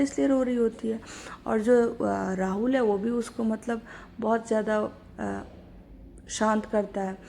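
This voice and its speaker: A woman's voice: a little high, creaky, warm tone, a little hiss or hum. A woman retelling a college love story in a chatty, casual way, full of fillers. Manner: chatty, filler-heavy, says "our" for characters.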